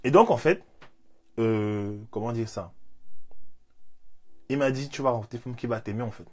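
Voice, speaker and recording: A man, giving an animated, repetitive motivational faith talk as a life coach. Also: mid-range voice, normal speed. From Cameroon. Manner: animated, repeats phrases, leans on fillers.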